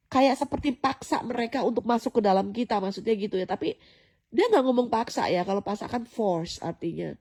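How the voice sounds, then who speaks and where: This woman's voice is a little high and warm as she talks informally to viewers, recounting a dream. Her telling wanders and circles back on itself, with plenty of fillers and false starts.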